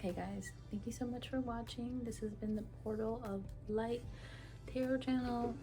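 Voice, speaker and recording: A woman's voice: fairly high pitch, steady tone, moderate pace, over music. A woman from Ethiopia giving a casual tarot reading to camera, talking frankly in a chatty way with many fillers. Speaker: tarot reader.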